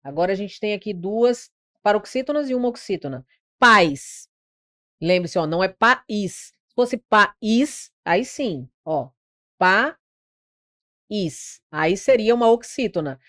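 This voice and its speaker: A woman's voice: mid-range voice, expressive, a little fast, a little mellow, dry recording. A Brazilian woman teaching grammar for exam prep, her voice recorded close and dry with no room sound. She explains patiently, poses questions to her students and stretches out words to mark their stressed syllables. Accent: Brazilian Portuguese. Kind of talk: online grammar lesson.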